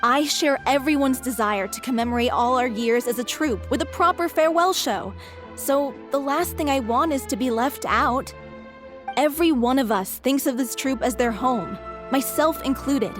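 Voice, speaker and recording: A stubborn leading actress, voiced by a woman speaks firmly and with resolve in a high voice. Soft game music plays behind her. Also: moderate pace, lightly acted. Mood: resolute. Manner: firm, indignant. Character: determined lead actress, proud and stubborn. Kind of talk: video game voice acting.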